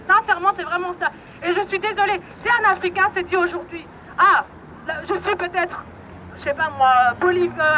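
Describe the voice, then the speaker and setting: A woman's voice: extremely high pitch, noisy background. A woman giving a blunt, scolding rally speech outdoors, urging the crowd to get moving. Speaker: rally speaker.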